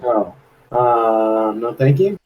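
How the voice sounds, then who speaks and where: A man's voice: medium pitch, animated, slow, muffled recording. A man playing a tabletop game, chatting casually in a hesitant, musing way. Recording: clear background ambient noise.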